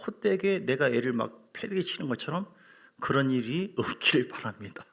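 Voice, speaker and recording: A man's voice: mid-range voice, normal speed, creaky, breathy edge. A middle-aged male pastor preaching a sermon, telling stories emphatically and putting questions to the congregation. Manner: animated, emphatic storytelling with acted quotes.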